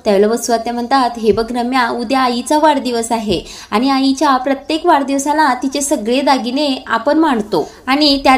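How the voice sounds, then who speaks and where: A woman with a high, light voice recaps a TV serial episode. She narrates the scenes and reads out every character's lines in one steady storytelling voice. Small filler sounds break up her phrases.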